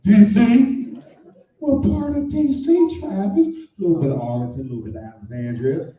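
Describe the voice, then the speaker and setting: A male comedian works through a stand-up set, telling a story and putting on the voices of its characters. His voice sits a little high and has a mellow tone. He is heard from some distance in an echoey room. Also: moderate pace. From Washington, D.C. area. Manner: storytelling, acts out voices, sings briefly. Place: live comedy show in a room.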